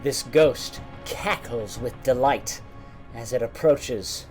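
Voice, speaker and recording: A man narrating a tabletop game as game master in a measured, descriptive way. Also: mid-range voice, a little mellow, soft background music.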